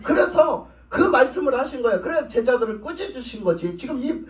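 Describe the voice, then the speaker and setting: A high-pitched male pastor preaches, often asking his congregation questions and answering them himself. He is recorded from a distance in a roomy church, and the sound is somewhat dull. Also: big pitch swings, fairly quick. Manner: plain conversational speech with repeated phrases. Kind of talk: sermon. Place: church sanctuary.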